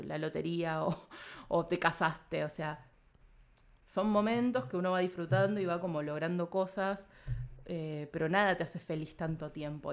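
An Argentine woman with a fairly low voice and a clear Argentine accent is a guest in a casual, reflective interview. She thinks aloud as she answers, rambling and linking ideas with plenty of filler phrases, and now and then she laughs.

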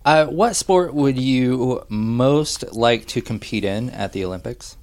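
A man with a medium-pitched voice hosts a casual interview. He is laid-back and a little teasing, keeping his questions and replies short. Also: slow pace, a little mellow. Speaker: podcast host. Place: indoors at a dining room table at home.

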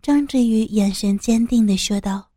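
A woman narrating an audiobook story in an even, measured way. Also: fairly high pitch, no echo, studio quality.

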